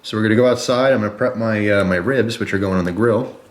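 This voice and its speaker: A man's voice: fairly low pitch, fast talker, reverberant. A man chatting casually and informally to viewers, explaining step by step as he demonstrates a product in a review video.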